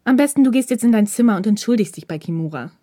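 A woman's voice: a little high, animated, fast talker, mellow, dry recording, clean studio sound. Woman putting on a cold bossy dorm head guy, clipped and icy, raised voice. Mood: stern.

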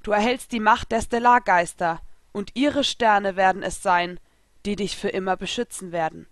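Storybook spirit king, regal and grave, ceremonial as a woman reads him, louder than her narration, dry sound. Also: medium pitch, moderate pace, dry recording, close to an everyday voice. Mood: solemn. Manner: formal, ceremonial speech.

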